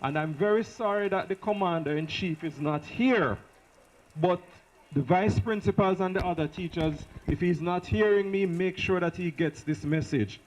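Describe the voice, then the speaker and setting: A man's voice: high voice, moderate pace. A man with a Jamaican accent giving an impassioned speech at a school awards ceremony, repeating himself for emphasis and talking off the cuff. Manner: repetitive, emphatic, speaks off the cuff. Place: school hall. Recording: echoey hall recording.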